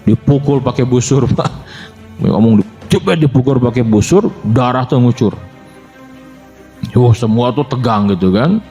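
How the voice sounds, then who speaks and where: Animated male preacher telling a story. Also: mid-range voice, measured pace, pauses often, highs cut off, soft background music. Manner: animated, addresses listeners as "Pak". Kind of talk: sermon with storytelling.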